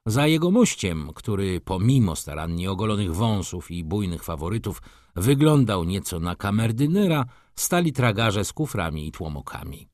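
Expressive male audiobook narrator. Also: fairly low pitch, moderate pace, no echo. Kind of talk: scripted narration of a classic novel.

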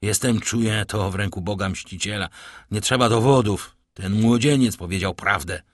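A man's voice: fairly low pitch, moderate pace, no echo, studio quality, lightly acted. A man reading an audiobook, voicing a shaken middle-aged male prosecutor in a muffled, faltering way. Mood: broken.

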